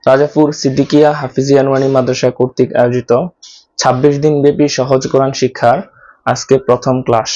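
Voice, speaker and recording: A man from Bangladesh teaching an online Quran lesson, slowly explaining how to pronounce each Arabic letter and repeating each sound many times. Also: mid-range voice, flat delivery, a little mellow, lo-fi sound.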